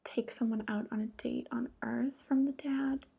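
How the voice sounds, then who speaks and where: A woman voicing a flirty, teasing female devil in a soft, breathy whispered role-play, with a casual, coy manner. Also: a little high, steady tone, normal speed.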